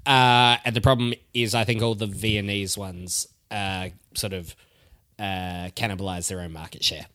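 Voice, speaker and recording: Low-voiced man, chatty co-host. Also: steady tone, moderate pace, a bit bright. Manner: chatty, offers facts and anecdotes. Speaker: podcast co-host. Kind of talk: casual chat.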